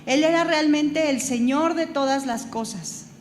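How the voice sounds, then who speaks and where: Halting woman teaching a Bible class. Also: high-pitched. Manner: halting, repeats words while searching for them; spells out terms letter by letter. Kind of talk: Bible study lecture. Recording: echoey hall with room noise.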